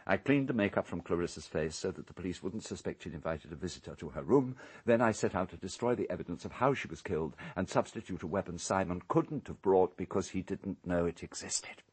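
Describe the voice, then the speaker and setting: This radio drama actor, a man with a low, husky and animated voice, plays a calculating, urbane English island owner. He sounds cool and matter-of-fact, measured and precise, and shows no repentance.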